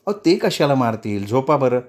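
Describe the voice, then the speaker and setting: A man's voice: mid-range voice, sing-song, normal speed, natural voice. A man doing a soothing young wife.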